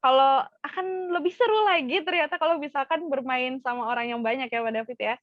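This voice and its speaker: A woman's voice: sits high, a little fast, no echo. A woman hosting a casual podcast interview, chatty with many fillers and affirming murmurs. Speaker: podcast host. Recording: dull dry lo-fi sound.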